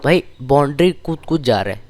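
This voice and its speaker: A young man casually telling stories from his school days, with a lively, slangy, complaining manner. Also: mid-range voice, brisk. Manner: animated, slangy, complaining storytelling. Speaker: vlogger.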